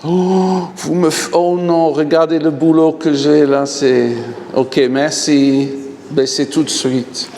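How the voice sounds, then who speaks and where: A man's voice: on the high side, little pitch movement, takes it slowly, warm tone, slight background noise. A man with an English accent speaking French as a guest minister at a healing service, joking and laughing often and calling on the crowd to raise hands. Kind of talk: animated healing-service preaching. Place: large church hall. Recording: long hall reverb.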